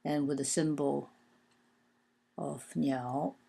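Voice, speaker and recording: A woman's voice: low voice, fairly even intonation, takes it slowly, vocal fry, dark tone, breathy edge. A woman teaching an informal language lesson, hesitant and full of fillers, counting and spelling things out aloud. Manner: hesitant, many fillers and restarts.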